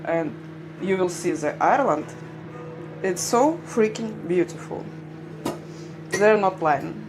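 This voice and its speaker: The recording is rough, with music behind a young livestream vlogger whose voice sits on the low side. Animated but slow, with long pauses, she reads viewer comments in slightly broken, Ukrainian-accented English and laughs often.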